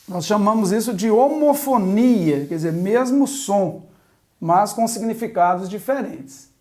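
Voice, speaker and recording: Slow, patient woman teaching letters. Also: mid-range voice, expressive, mellow. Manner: spells out sounds one by one and asks viewers to repeat. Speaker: Hebrew teacher. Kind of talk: slow, patient board lesson.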